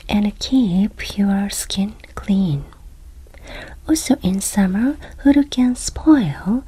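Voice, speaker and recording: A Japanese woman with a Japanese accent hosts an ASMR channel, whispering every word in a very breathy, airy voice. She speaks slowly and gently, with a reassuring manner toward the listener. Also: mid-range voice, low-quality recording. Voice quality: soft whisper throughout. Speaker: host. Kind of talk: whispered ASMR travel tips.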